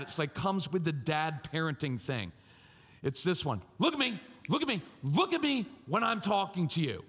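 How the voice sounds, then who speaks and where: A man giving a lively, humorous talk at a parenting conference, speaking straight to the audience. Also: fairly high pitch. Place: large church or conference hall. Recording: reverberant conference hall.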